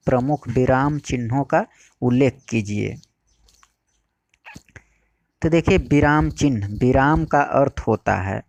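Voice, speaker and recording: A man teaching a Hindi exam-prep lesson, explaining slowly and repeating key phrases. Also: medium pitch, darkish tone, no room sound.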